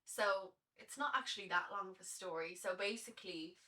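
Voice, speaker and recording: A young Irish woman in her early twenties, a guest chatting casually about her life on a podcast in a lively, chatty way with lots of fillers. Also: mid-range voice, fairly quick, far from the mic. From Ireland. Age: early 20s. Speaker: guest, Latin dancer.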